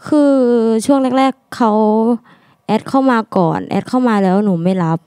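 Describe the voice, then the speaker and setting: A young woman university student answering a host on stage, speaking haltingly into a handheld mic. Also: mid-range voice, animated, mellow, no room sound, studio quality. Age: young adult. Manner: hesitant, halting. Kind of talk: answering on a talk show.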